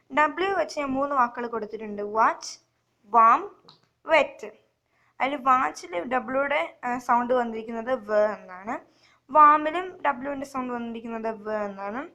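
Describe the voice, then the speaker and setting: A young woman teaching children letter sounds, slowly and repetitively, asking questions and answering them herself. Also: on the high side, fairly bright tone. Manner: slow, repetitive, asks and answers her own questions. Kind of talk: phonics lesson for children.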